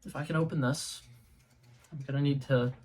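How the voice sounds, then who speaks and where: This YouTube host, a young man from New England, has a medium-pitched, darkish voice with fairly even intonation and a moderate pace. He's taste-testing on a casual home vlog, rambling with lots of ums and restarts beside a color-changing globe light.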